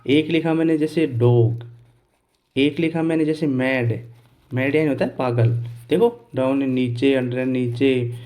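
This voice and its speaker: A male teacher explaining pronunciation step by step, asking questions and answering them himself, repeating key words slowly and spelling out letters. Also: medium pitch, steady tone, dark tone. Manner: clears his throat now and then. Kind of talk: Hindi lesson on English pronunciation.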